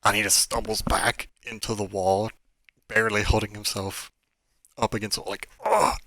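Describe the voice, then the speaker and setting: Man, game master, slow fumbling narration, bright tone, dry sound. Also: lowish voice, little pitch movement, no echo. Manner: descriptive, halting with many fillers. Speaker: dungeon master.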